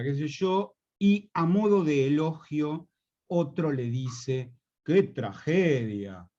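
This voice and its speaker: A man in his fifties with a Rioplatense Spanish accent teaches a university class online. He speaks very slowly and patiently, in a fairly high voice, and stops to check that his students follow. The audio sounds dull and lo-fi. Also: darkish tone. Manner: slow, explanatory, repeats key points, asks if students follow. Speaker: university lecturer. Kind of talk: online lecture on slang.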